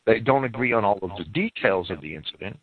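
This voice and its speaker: Heard on tinny phone-line radio, this fast-talking man has a low, animated voice. He's a program speaker rebutting critics in lecture style, explaining and citing sources at length, often repeating himself as he restarts sentences.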